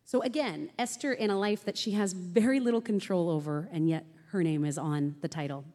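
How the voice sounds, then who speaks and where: A woman preaching a sermon, telling a story in a conversational, animated way and putting direct questions to her listeners. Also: lowish voice, fairly quick. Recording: hall reverb.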